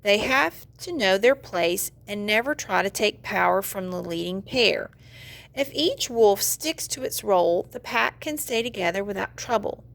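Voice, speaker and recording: Reading a nonfiction children's book aloud to her class, a woman teacher explains the content and puts questions straight to the young learners. Her voice is mid-range, with some vocal fry.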